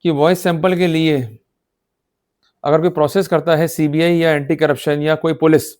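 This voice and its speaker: Speaking at a moderate pace in a level, darkish, slightly high voice, a law lecturer explains his material in Hindi interspersed with English legal terms. He is emphatic and exhortative and keeps checking that his listeners understand.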